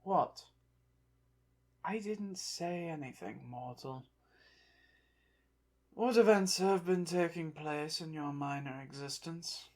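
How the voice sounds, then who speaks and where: In an ASMR roleplay, a performer voices a haughty, prideful undead Egyptian pharaoh, speaking slowly and softly in pompous, formal language. The pitch sits in the medium range, and the mood is proud and jealous.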